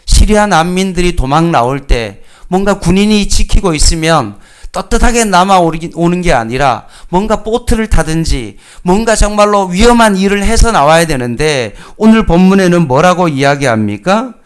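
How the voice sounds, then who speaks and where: A middle-aged male pastor teaching a Bible lesson, reading scripture slowly and asking his listeners questions that he then answers himself. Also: high-pitched, expressive, smooth.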